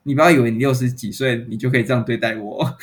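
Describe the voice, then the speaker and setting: A man, hosting a podcast and retelling a story in a casual, animated and exasperated way. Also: mid-range voice, quick pace. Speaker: podcast host.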